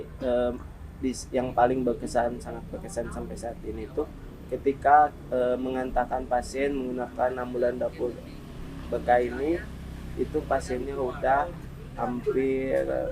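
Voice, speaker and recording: Gravelly-voiced man telling earnest stories. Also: medium pitch, flat delivery, noisy background. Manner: earnest, measured, with many hesitations. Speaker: ambulance driver and relief volunteer. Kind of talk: telling stories in a podcast interview.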